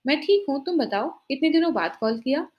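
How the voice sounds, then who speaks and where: A woman's voice: high-pitched, animated, a little fast, lo-fi sound. A woman voicing a greedy, scheming young daughter-in-law who talks sweetly while shifting blame. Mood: sly.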